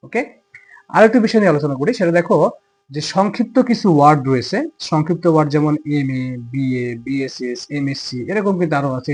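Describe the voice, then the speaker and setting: A man's voice: a little high, darkish tone, slightly rough. A man with a Bangladeshi accent teaching a grammar lesson. He explains step by step and asks questions he answers himself.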